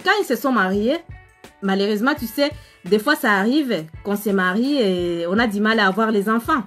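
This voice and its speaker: A woman with an African French accent hosts a live stream as a relationship coach, chatting with viewers and telling a story at a moderate pace in a medium-pitched voice. She is chatty and animated, speaks to viewers directly, and uses many fillers, with faint music in the background.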